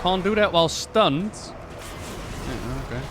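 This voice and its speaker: Man musing aloud over loud game music. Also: on the high side, animated, measured pace. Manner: rambling, musing aloud, playful. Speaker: game streamer and lore commentator. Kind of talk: casual livestream game commentary. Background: game music and effects.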